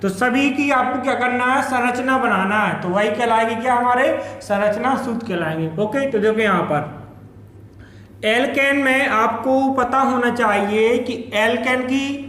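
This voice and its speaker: Male chemistry teacher, very high voice, call-and-response lecture style, echoey room. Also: a little slow, fairly bright tone. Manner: repeats each term and keeps asking "क्या पढ़ेंगे?".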